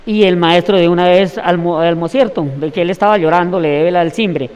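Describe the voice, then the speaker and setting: A man's voice: high voice, fairly quick, a little mellow, clear, resonant tone, big-room sound, dull audio. A man telling a long story in an interview, rambling and restarting his words. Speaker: interviewee recounting events.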